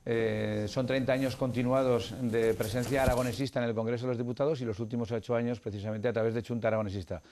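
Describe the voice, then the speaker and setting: A man's voice: medium pitch, fairly even intonation, quick pace, hardly any pauses, darkish tone. A middle-aged man who is a political candidate, giving formal, argumentative interview answers with frequent hesitant fillers.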